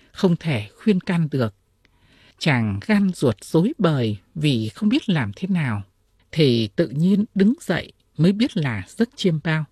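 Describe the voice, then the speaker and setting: A woman reading classic ghost tales aloud in an expressive, dramatic storytelling style. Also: low-pitched, husky, dry recording, studio quality. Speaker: audiobook reader.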